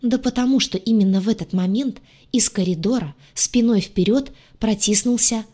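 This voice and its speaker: A woman narrating a first-person audiobook in a lively, wry, expressive way. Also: on the high side, normal speed, breathy edge.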